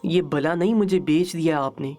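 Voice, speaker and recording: A man's voice: fairly high pitch, a little mellow, soft background music, close to an everyday voice. A man voicing a hurt, tearful young daughter in a storybook reading, with a pained, pleading delivery.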